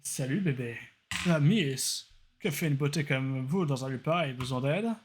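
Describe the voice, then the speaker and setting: A streamer voicing a flirty male rock-star prosecutor from a courtroom game, in a low, suave drawl. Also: measured pace, slight background noise, lightly acted. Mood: flirtatious.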